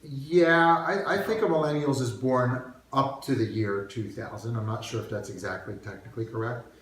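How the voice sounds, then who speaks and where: A man's voice: mid-range voice, normal speed. Middle-aged man in a very echoey room. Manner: hesitant, with many uhs. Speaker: advertising sales worker. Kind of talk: interview answers.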